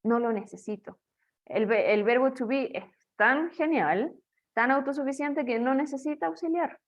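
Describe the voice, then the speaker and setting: Woman teacher, fairly high voice, playful and chatty explainer, slightly dull lo-fi recording. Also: normal speed. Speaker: English teacher. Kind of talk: recorded online lesson.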